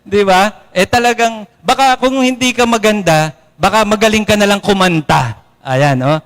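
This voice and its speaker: A man with a Filipino accent, a priest giving a sermon to an audience, animated and acting out quoted complaints in a higher voice. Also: normal speed. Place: church or hall, in front of an audience. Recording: long reverb of a hall.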